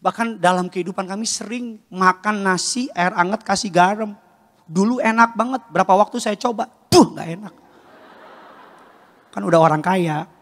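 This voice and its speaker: A male pastor preaching a sermon in a large church, dramatic and joking, swinging between hushed and loud. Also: high-pitched, normal speed. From Jakarta, Indonesia. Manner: casual and joking with the congregation. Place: large indoor church, live-streamed service.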